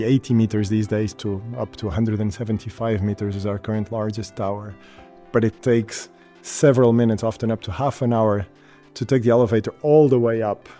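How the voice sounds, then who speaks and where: A man from Portugal, an industry representative, explaining in an interview in a halting way that repeats words at the start of phrases. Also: lowish voice, dark tone. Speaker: wind energy company representative.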